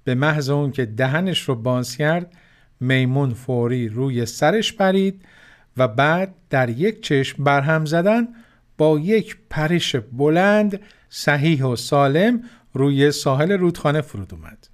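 A man narrating a children's story, gently addressing the children who listen. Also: on the high side, animated. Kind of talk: scripted narration.

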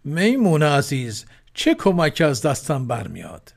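A man's voice: on the high side, wildly swooping pitch, creaky, heavily acted. A man voicing a foolish, greedy male crocodile in a children's story, blunt and dim-witted.

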